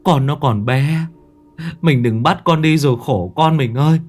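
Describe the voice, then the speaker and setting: A man's voice: fairly high pitch, measured pace, a little mellow, voice pushed up. A man voicing a grieving husband who tearfully pleads with his dead wife's ghost. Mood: pleading.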